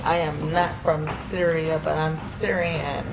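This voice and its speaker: A woman's voice: deep voice, level tone, measured pace. A woman of forty, a dating show contestant, introducing herself casually with laughs. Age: 40s. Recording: noisy background.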